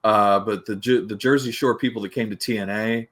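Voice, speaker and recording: A man's voice: lowish voice, fairly even intonation, a little fast, a bit bright. A man talking casually on a podcast, rambling with many restarts and a grumbly edge. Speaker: podcast panelist.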